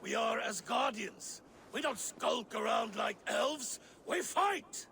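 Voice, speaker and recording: A hot-headed warrior god in a Norse video game. He is brash and gruff, with an extremely gravelly voice pitched high for a man, blustering for battle. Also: slow, bright, forceful tone, a little hiss or hum, exaggerated voice. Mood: scornful, blustering. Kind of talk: dramatic video game acting.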